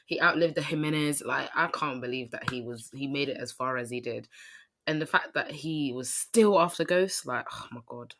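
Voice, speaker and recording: A woman co-hosting a podcast, giggly and animated in casual chat. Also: very deep voice, moderate pace, noisy background. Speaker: podcast co-host.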